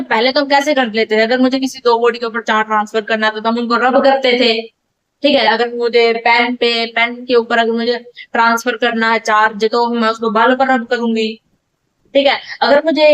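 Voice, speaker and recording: A woman teaching a physics lesson, who repeats key phrases and asks and answers her own questions. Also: fairly high pitch. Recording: dull lo-fi sound.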